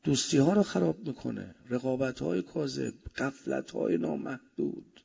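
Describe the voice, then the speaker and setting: A man preaching a sermon with speech, swinging between loud emphasis and soft asides. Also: mid-range voice, lively intonation, vocal fry, slightly rough. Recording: dull lo-fi recording.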